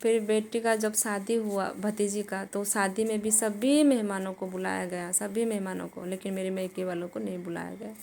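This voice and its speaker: Woman w telling her life story, halting, lots of restarts, faint hiss. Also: medium pitch, steady tone, gravelly, a little mellow. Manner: earnest, halting, with frequent restarts and fillers. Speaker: person giving a personal testimony. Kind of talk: personal testimony storytelling.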